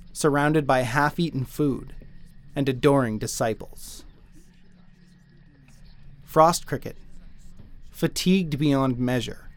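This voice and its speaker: Man narrating a dark fable. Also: medium pitch. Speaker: writer and narrator. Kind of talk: scripted storytelling narration.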